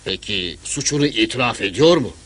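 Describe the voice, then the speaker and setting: A grave governor of an old city, formal and cautious, in a period drama. The voice is husky and moves expressively up and down. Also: male voice, lowish voice, lively intonation, a little fast, fairly bright tone. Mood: grave, questioning. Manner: formal, authoritative questioning.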